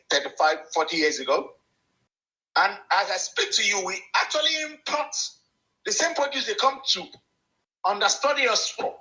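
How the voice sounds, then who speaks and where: A man's voice: high-pitched, pushed and bright, rough recording. A Nigerian man, a yam exporter, speaking passionately and emphatically on a video call over a bad connection, his audio cutting in and out. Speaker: yam exporter, panel guest. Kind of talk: panel discussion.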